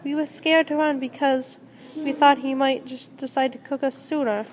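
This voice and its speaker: A woman reading the lines of a sweet little girl in a storybook, slowly and plainly. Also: sits high, steady tone, close to an everyday voice. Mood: pleading.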